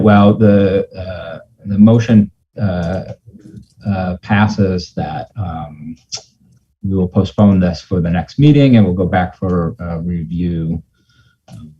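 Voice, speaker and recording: A man chairing an online meeting in an informal, hesitant and apologetic way, halting often, with muffled audio. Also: low-pitched, warm tone, breathy edge. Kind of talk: informal procedural meeting talk. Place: remote video meeting.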